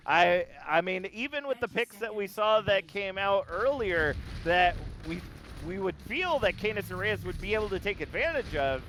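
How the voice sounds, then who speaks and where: A man doing live play-by-play for an esports broadcast. His voice sits slightly high, and he talks in a loose, chatty way with plenty of "uh"s and restarts. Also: expressive, normal speed, hardly any pauses, a bit bright, a little hiss or hum, rough recording. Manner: chatty, hesitant fillers. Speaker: esports caster.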